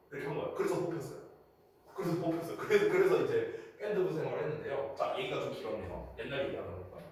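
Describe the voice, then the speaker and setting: A male teacher is telling a story in the middle of a lesson, and his speaking voice sits a little high. He acts out the people in the story and swings his pitch up and down as he goes. He stands some way from the mic in a very echoey classroom, with faint noise behind him. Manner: lively, acts out quoted voices in a storytelling lecture. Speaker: English teacher. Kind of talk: lecture with storytelling. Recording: roomy echo, from a distance.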